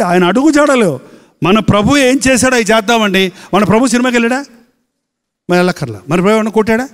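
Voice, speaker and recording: Male pastor, high voice, emphatic sermon delivery in a reverberant hall. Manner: emphatic preaching with rhetorical questions.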